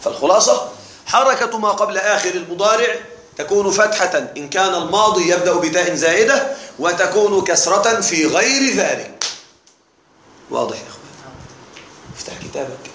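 A man teaches a grammar lesson in a classroom, with a fairly high voice. He keeps quizzing the room and answering his own questions. The recording sounds distant and very echoey, with faint noise underneath. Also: lively intonation, a little fast, a bit bright. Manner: asks the class questions and answers them himself.

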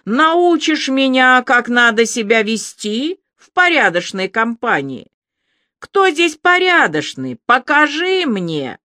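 A reader doing a shrill, drunk young woman in despair. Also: big pitch swings, takes it slowly, bright, forceful tone, dry recording, clean studio sound, full character voice. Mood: hysterical. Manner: shrill, ringing and strained.

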